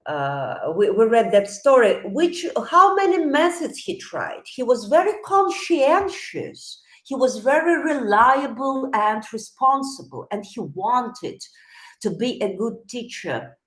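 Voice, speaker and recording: A woman with a fairly high voice gives a slow, thoughtful live-streamed psychology lesson. She often pauses and restarts her phrases. The room around her rings with a noticeable echo. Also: sing-song, a bit bright. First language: Russian. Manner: thoughtful, with frequent hesitations and restarts.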